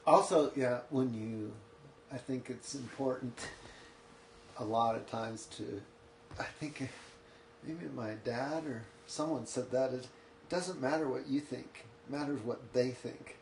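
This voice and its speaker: A male coach speaks as a podcast guest in a relaxed, matter-of-fact way. His voice is of middling pitch and rings with noticeable room echo from his home office. A faint background hum runs underneath. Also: measured pace. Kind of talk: casual podcast conversation.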